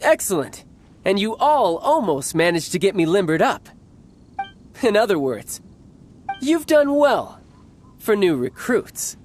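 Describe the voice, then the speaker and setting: A man's voice: sits high, sing-song, a little slow, pauses often, slight background noise. An actor playing a confident, playful young male warrior who is a doting big brother, in a video game. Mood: commanding. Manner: confident, playful, laughs easily. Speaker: military commander.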